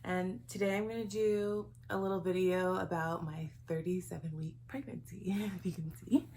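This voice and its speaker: A woman's voice: lowish voice, fairly even intonation, moderate pace, darkish tone, a little hiss or hum. A young woman chatting casually in a vlog, a bit out of breath, giggling and saying um often. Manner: chatty, giggly, with many ums. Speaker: vlogger.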